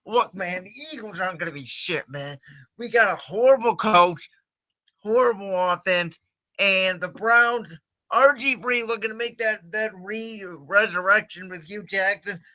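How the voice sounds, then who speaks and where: Bright high-voiced man with muffled sound. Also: a little slow. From Cleveland, United States. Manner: chatty, confident, says "man" a lot. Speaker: host. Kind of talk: casual sports predictions livestream.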